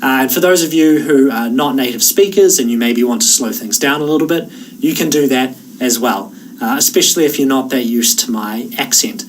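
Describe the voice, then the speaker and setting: A man with a Kiwi accent talks students through an online course in an easy, chatty way, now and then pausing on an "uh". His voice sits at an ordinary middle pitch. He sounds set back from the microphone, with a faint hum of noise behind him. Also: recorded from a distance, low-quality recording. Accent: New Zealand. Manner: relaxed, conversational, with frequent "uh" fillers. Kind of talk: course orientation talk to camera.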